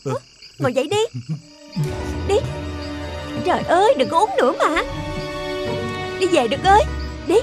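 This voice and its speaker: A woman's voice: extremely high pitch, moderate pace, pauses often. A vain, whiny young village girl. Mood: frightened. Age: young adult. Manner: whiny, expressive. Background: music.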